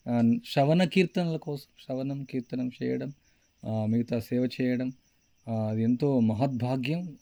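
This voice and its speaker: A man with a Telugu accent giving a devotional lecture as a spiritual teacher, telling stories in an animated way, his voice rising when he gets excited. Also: medium pitch, no room sound. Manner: chants the mantra in a mock-distracted way.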